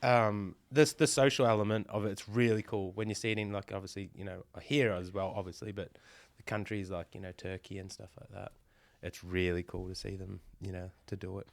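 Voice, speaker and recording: Easygoing podcast guest, low voice. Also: male voice, little pitch movement, brisk, gravelly, dry recording. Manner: easygoing, lots of fillers like "you know". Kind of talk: casual chat.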